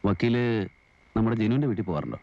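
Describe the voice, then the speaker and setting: An actor playing a quiet, brooding man who speaks softly. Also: lowish voice, animated, fast, creaky, lo-fi sound. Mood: wistful. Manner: soft, subdued. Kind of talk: film acting.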